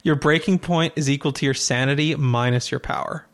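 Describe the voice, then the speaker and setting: A man's voice: medium pitch, fairly even intonation, fairly quick. A man running a tabletop game as game master, explaining rules with dry teasing asides.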